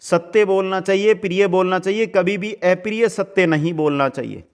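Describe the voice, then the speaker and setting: A male teacher giving an exam-prep lesson. He chants each verse slowly, then explains it in quick asides, asks students if they understood, and calls them friends. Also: high-pitched, smooth. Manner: addresses students as friends, asks checking questions.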